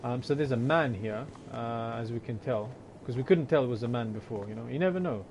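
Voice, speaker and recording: A man's voice: medium pitch, fairly quick, a little mellow, a little hiss or hum. A young man casually commenting on a game as he plays, rambling and joking with his chat. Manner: rambling, jokey, talks to chat. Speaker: gameplay streamer. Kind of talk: casual let's-play commentary.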